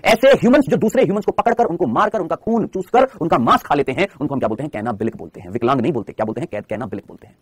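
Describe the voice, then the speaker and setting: Rapid, animated man teaching a class. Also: a little high, slightly rough, no room sound. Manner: asks questions and answers them himself; fast, repetitive, coaching tone. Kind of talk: classroom lecture.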